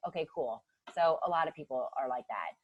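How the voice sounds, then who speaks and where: A woman's voice: deep voice, fairly quick, breathy edge, dull audio. A woman in her thirties from Ohio, chatting as a podcast guest about nutrition coaching and filling her talk with "like". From Ohio, USA. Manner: chatty, many "like" fillers, acts out quotes. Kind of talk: casual chat.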